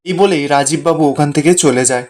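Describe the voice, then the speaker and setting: High-voiced man retelling a serial. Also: a little fast. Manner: steady storytelling, reads every character's lines. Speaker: serial recap narrator. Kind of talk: scripted story narration.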